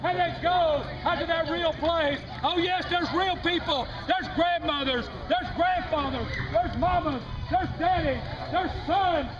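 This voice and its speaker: High-pitched Southern man pleading from a street corner. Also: a little slow, few pauses. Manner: pleading, repeats "my friend" often. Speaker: street preacher. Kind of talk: open-air street preaching. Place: small-town street corner outdoors. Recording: muffled outdoor phone video, crowd and traffic. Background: crowd and traffic noise.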